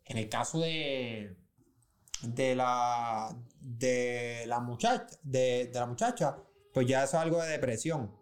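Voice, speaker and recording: A man's voice: mid-range voice, expressive, slow pace. A man chatting casually in a recording studio, telling stories in a loose, slangy way with many restarts. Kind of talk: casual chat.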